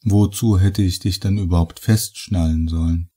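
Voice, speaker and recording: Man doing a coldly calm killer. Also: low-pitched, normal speed, husky. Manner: calm, flat and unmoved. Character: calm, cold young man turned killer.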